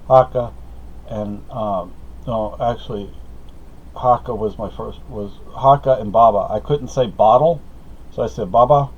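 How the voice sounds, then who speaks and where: In slightly dull lo-fi audio, a vlogger, a middle-aged native Spanish speaker from Spain, wanders through a personal monologue, stumbling over fillers and correcting himself often. His mid-range voice has a slightly mellow quality.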